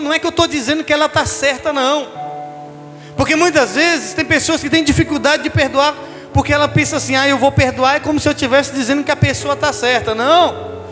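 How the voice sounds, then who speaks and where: A man's voice: extremely high pitch, a bit bright, in a large hall. A man, a bishop, preaching a sermon, calling the congregation "querido" and leading them in call-and-response. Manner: addresses listeners as "querido", leads call-and-response.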